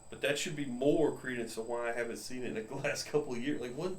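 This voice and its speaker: A man's voice: medium pitch, steady tone, fast. Chatty man in an echoey room. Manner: rambling storyteller, acts out quoted voices. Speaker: podcast co-host. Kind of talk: casual chat. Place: home room. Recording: roomy echo, faint room noise.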